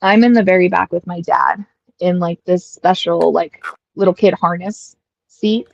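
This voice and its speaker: An American woman in her thirties, chatting casually on a stream and telling childhood stories with animated, acted-out quotes. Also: lowish voice, a little slow, vocal fry. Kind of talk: casual storytelling chat. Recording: dull lo-fi dry mic.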